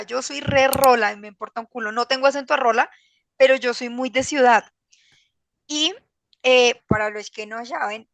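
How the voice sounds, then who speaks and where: A woman from Bogotá with a Colombian accent chats as a podcast guest in a candid, slangy, rambling personal conversation. Her voice is fairly high, a bit bright, with vocal fry, and there's slight background noise.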